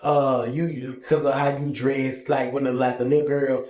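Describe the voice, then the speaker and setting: A man's voice: medium pitch, little pitch movement, normal speed, a little mellow. A man hosting a casual interview chat, playful and joking as he asks questions. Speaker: interview host. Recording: echoey room.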